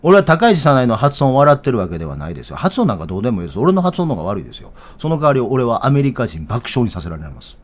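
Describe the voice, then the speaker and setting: A middle-aged man with a strong Kansai accent delivers political commentary. He talks bluntly and heatedly, with a very lively, swinging pitch. He sounds rough-spoken and unpolished, as if chatting with regular viewers. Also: racing, hardly any pauses.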